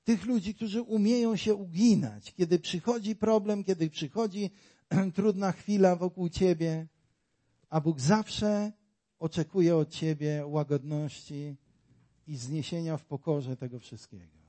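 Male preacher, high-pitched and unhurried, working the congregation with questions and emphatic rises. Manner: emphatic, rising and falling between loud exclamations and quiet asides; talks directly to the congregation with rhetorical questions. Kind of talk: sermon.

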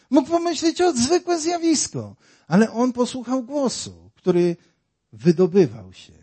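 A man's voice: high voice, dark tone. A man preaching a sermon, dramatic and full of rhetorical questions, acting out the voices in his story.

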